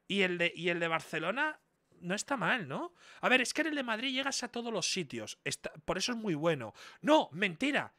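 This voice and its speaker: Brief young male streamer in his twenties, voice a little high, chatty, prone to loud disbelief, dry desk mic. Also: big pitch swings, a little fast, no room sound. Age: 20s. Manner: chatty, incredulous, loud outbursts. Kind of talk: casual live-stream chat.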